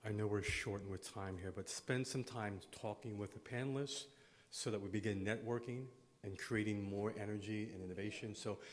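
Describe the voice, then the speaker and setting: A man moderating a conference panel, brisk as he directs the audience. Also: lowish voice, steady tone.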